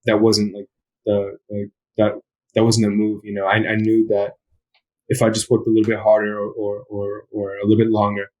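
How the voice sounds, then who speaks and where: A man's voice: fairly low pitch, monotone, moderate pace, darkish tone, rough recording. A young man talking as a podcast guest, reflective and loose, with lots of "like" and "you know" as he thinks aloud. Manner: reflective, many fillers, hesitant restarts. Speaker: guest, footwear designer. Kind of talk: casual interview chat.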